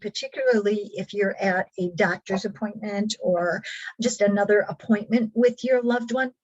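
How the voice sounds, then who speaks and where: A woman's voice: medium pitch, a little mellow, lo-fi sound. A woman presenting a caregiver training workshop, talking patiently and earnestly with frequent ums and restarts.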